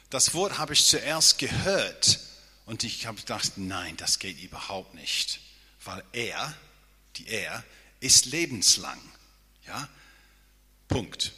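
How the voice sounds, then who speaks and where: Slow, bright-voiced pastor in a reverberant hall. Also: male voice, on the low side, breathy edge. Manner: earnest, often checks in with listeners with a questioning "ja?". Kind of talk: sermon.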